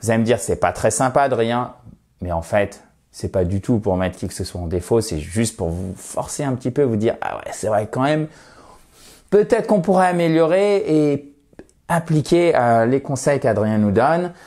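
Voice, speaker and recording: Man explaining a lesson, friendly and chatty, playful asides, draws out words to show how they're said, middle pitch. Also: animated, darkish tone. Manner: slows down and stresses words to show how they are said. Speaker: language teacher.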